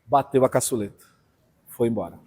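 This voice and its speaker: A Brazilian man from São Paulo preaching a fiery sermon, swinging from hushed asides to loud outbursts and calling out to his listeners. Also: medium pitch, fairly quick. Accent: Brazilian Portuguese, São Paulo. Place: church hall. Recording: long church hall reverb.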